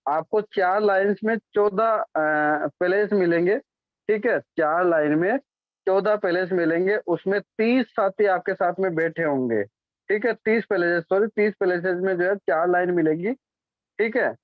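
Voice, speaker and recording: At a measured pace, a high-voiced presenter explains his business plan, frequently fixing his own wording and asking "ठीक है?" to check on the audience. The lo-fi recording sounds dull and dry, with no room sound.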